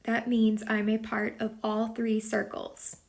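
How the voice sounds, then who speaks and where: A woman's voice: a little high, completely flat delivery, a little slow, vocal fry, a little hiss or hum. A woman teacher from Texas explaining a lesson patiently, step by step, as a voice-over for a whiteboard video. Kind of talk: slow explanatory lesson narration.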